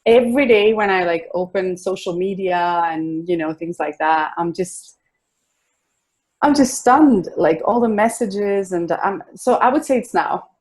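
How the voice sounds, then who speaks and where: A woman's voice: medium pitch, a little slow. A young woman with a Swedish accent, a singer-songwriter guest chatting casually in an interview over a video call. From Sweden. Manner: relaxed and chatty, with soft laughs and restarts. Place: home in a city apartment.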